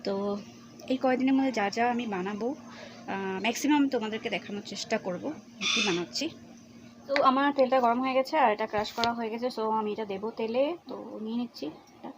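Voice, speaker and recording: A young woman casually narrating a home cooking vlog in a dim kitchen, talking quietly because others are nearby, with no external mic. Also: fairly high pitch, fairly quick. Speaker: cooking vlogger. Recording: noisy home recording without a mic.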